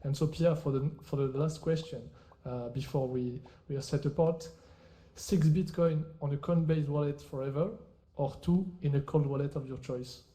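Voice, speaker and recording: Very dark-voiced male talk show host. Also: on the high side, steady tone. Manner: brisk, with short "all right" transitions. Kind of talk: rapid-fire quiz questions in a live virtual reality talk show.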